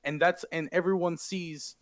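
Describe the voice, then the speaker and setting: A man's voice: a little high, steady tone, moderate pace, no echo, studio quality. A man improvising narration as the game master of a tabletop role-playing game.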